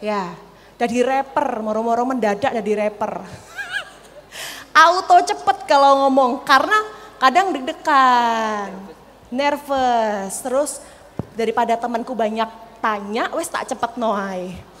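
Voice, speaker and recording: A young woman with an East Javanese accent giving a lively, playful public speaking workshop, laughing often and demonstrating voice techniques. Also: fairly high pitch, slow pace. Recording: reverberant hall, faint noise.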